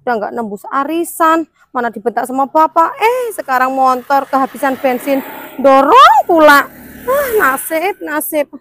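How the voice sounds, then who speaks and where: A woman's voice: high voice, sing-song, normal speed, a bit bright. A woman playing a fretful middle-aged wife, complaining about her bad luck in a comedy skit. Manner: fretting, complaining to herself.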